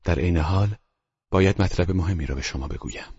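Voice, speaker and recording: A man doing a calm older doctor in a storybook reading, speaking in a husky hush that keeps slipping into whispers. The voice sits very deep, and the recording sounds dull and lo-fi. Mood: earnest. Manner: soft, hushed, often whispered.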